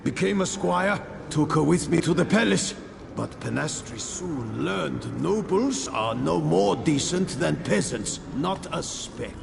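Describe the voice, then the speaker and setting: A man voicing a tormented, remorseful ghost of a squire in a video game, pleading and halting with a gravelly voice. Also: a little high, expressive, full character voice. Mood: sorrowful. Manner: anguished, halting, pleading delivery. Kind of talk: dramatic video game voice acting. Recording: long ghostly reverb, noisy ambience.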